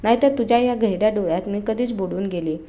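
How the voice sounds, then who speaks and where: Picture a young married woman, stern in the office but shy and tender here, voiced by a woman reading a story. She speaks softly in a warm, mellow tone, full of quiet emotion. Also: mid-range voice, fast talker, dull audio, close to an everyday voice.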